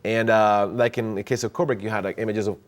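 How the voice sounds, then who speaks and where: A man, a cinematographer guest chatting casually in an interview, animated and often restarting and repeating words. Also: on the low side, fast talker.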